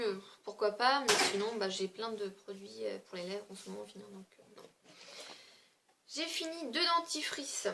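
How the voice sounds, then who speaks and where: A woman's voice: medium pitch, slight background noise. A woman beauty vlogger chatting casually through a product review, talking loosely with frequent fillers and small hesitations.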